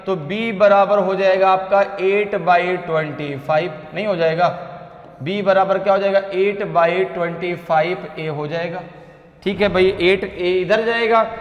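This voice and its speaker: High-voiced man teaching math in an echoey room. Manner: asks the class questions, reads problems slowly. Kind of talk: classroom lecture.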